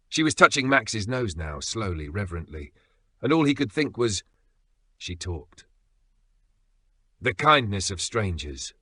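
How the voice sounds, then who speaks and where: Male storyteller, low and forceful, earnest suspenseful narration, dry close mic. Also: dry recording. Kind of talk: scripted dramatic story narration.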